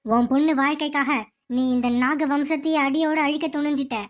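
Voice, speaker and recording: A stern, protective clan woman, voiced by a woman in a cartoon, lectures in a reproachful tone. Her voice is high. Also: steady tone, a little fast, lightly acted. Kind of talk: cartoon voice acting.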